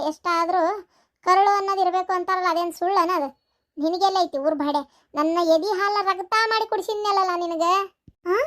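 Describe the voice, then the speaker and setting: Woman as a sharp-tongued village mother. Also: extremely high pitch. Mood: reproachful. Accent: North Karnataka Kannada. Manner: scolding, sarcastic, rapid taunts. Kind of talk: village family skit.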